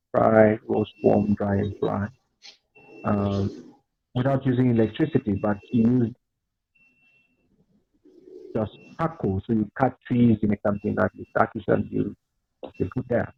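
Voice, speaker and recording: A young man from Zambia talks through a thin, phone-like call line that sounds dry and close. His voice sits a little low, and he speaks unhurriedly, with plenty of fillers and restarts. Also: creaky, breathy edge, no room sound. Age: 20s. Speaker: guest entrepreneur. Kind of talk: casual interview talk.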